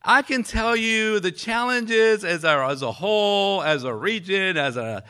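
A man from Mexico giving a conversational church sermon, earnest and halting as he speaks. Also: high-pitched, animated, sharp tone, smooth. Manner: earnest, halting with frequent fillers. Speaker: pastor.

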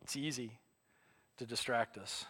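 A man's voice: mid-range voice, a little slow, sharp tone, husky. Middle-aged guy preaching, laid back and joking about himself, just talking to the congregation. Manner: conversational, self-deprecating storytelling. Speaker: pastor. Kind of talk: sermon.

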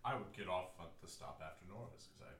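A man playing in a tabletop game, speaking in character with formal, measured wording. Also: sits low, a bit bright. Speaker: player. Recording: roomy distant mic, faint hiss.

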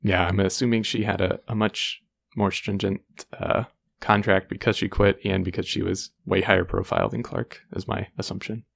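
Male podcast co-host, low gravelly voice, relaxed episode-recap chat. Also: moderate pace. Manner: relaxed, recaps plot with fillers.

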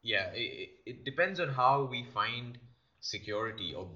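A man hosting a podcast, talking in a reflective, measured way and prompting his guest with questions. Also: mid-range voice, animated, sharp tone. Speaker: podcast host. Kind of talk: casual podcast chat. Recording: slightly muffled lo-fi recording.

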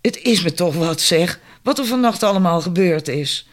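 Liz: a man doing a hoarse, scatterbrained woman. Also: high voice, expressive, moderate pace. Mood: gossipy. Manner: plaintive, rambling. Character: hoarse, shabby, scatterbrained woman around forty.

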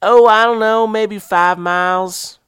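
A woman's voice: mid-range voice, fairly even intonation, takes it slowly, clean tone, dry recording, pitched above the performer's own voice, natural voice. A wary, terse country woman, put on by a man telling the tale in a raised voice, with a drawl. She gives directions in an offhand, meandering way. The sound is close and dry. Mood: vague.

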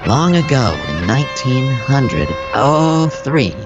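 A man voicing a pompous male company boss in an ad, his voice half robotic through a filter, with a halting, rambling pitch. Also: big pitch swings. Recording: dull lo-fi with loud guitar music.

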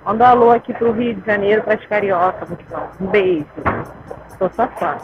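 A woman's voice: mid-range voice, normal speed, over music. A woman calling in to the show as a listener, in a friendly way. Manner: friendly, fan-like. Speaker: listener caller. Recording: phone line with background noise.

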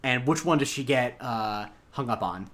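A man's voice: mid-range voice, animated, normal speed, a bit bright. A man co-hosting a podcast, recapping an episode in rambling casual chat. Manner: rambling, many fillers and restarts. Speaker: podcast co-host.

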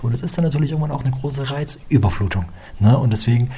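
This young man's mid-range voice is warm and husky and moves at a quick pace. He's a musician from Germany, chatting at length in a relaxed, conversational interview, rambling along with lots of filler phrases.

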